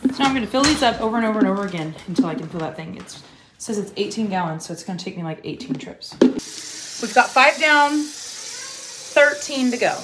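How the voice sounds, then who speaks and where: Woman in her 30s, medium pitch, casual home vlog, thinking aloud, colloquial, echoey room. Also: lively intonation, quick pace. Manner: colloquial, mild swearing. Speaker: vlogger. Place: indoors at home, kitchen and other household rooms. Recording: echoey rooms with clear background noise.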